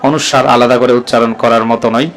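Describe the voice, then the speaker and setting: A man's voice: medium pitch, little pitch movement, rapid-fire, a bit bright, poor audio. A man with a Bangladeshi Bengali accent, patiently teaching the alphabet to parents letter by letter. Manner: patient, methodical, naming letters one by one. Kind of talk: explaining lesson to parents.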